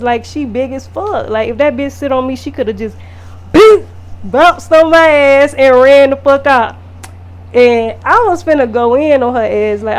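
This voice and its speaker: A woman makeup artist telling a casual storytime vlog, animated and profane, full of fillers. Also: on the high side.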